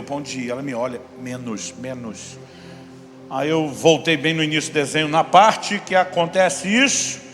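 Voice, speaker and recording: A middle-aged man preaches in a church hall, his fairly high voice ringing with long reverb. He tells the story with energy, acting out his son's voice and his own. Clear music plays under his words. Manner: animated storyteller, voices his son and himself. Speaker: pastor. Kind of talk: sermon with acted-out family story.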